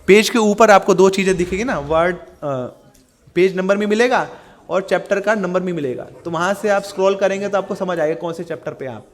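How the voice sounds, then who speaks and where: Animated high-voiced male Gita teacher. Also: fairly quick. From India. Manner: animated storytelling, acts out quoted characters. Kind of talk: Hindi lecture on scripture with chanted verses.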